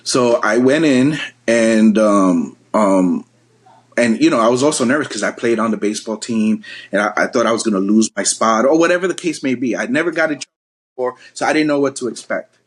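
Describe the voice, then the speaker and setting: A middle-aged man from the Bronx, New York, appears as a podcast guest and tells a story from his youth in casual conversation. He rambles with many ums and restarts, speaking a little fast in a mid-range, slightly rough voice.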